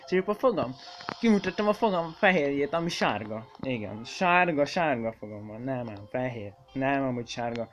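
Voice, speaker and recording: Hosting a horror game let's play, a man with an animated, mid-range voice swears a lot and shrieks whenever something startles him. He talks to his viewers, calling them kids, and the gaming channel audio carries slight background noise.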